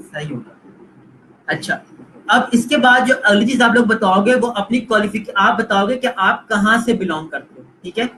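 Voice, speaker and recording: An online course instructor with a Pakistani Urdu accent gives a live lecture, coaching students, repeating points, and mixing in English phrases. His voice sits high with lively intonation, a moderate pace, and a sharp tone, in a rough recording with slight background noise.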